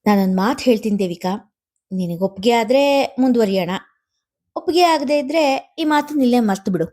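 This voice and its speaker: A woman voicing a caring older man, an elder brother who talks in a calm, soothing, measured way. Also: on the high side. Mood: persuasive.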